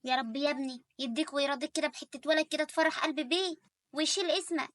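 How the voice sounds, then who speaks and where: A woman with an Egyptian Arabic accent voicing an elderly, pushy, doting mother in an animated story, talking fast and insistently. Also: sits high, dry recording, clean studio sound. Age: older.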